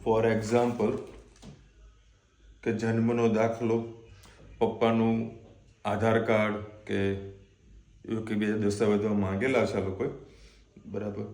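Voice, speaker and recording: A man's voice: on the low side, little pitch movement, takes it slowly, long pauses, darkish tone. A man chatting casually in a family vlog from his home kitchen, in a reassuring way. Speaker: vlogger. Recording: echoey room, noisy background.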